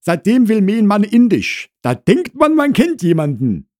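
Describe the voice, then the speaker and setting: A man puts on a shrill woman in her fifties who is easily put out. Her voice sits high and loud, swooping up in indignant bursts. It sounds dry and close, like a comic audiobook. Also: huge pitch swings, a little slow, no room sound, heavily acted.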